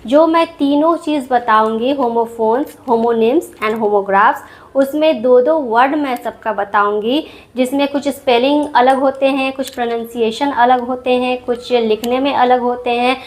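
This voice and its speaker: A woman with an Indian accent, teaching English vocabulary as a channel host in slow, patient explanations that repeat each point. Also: fairly high pitch. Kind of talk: explaining English words in Hindi.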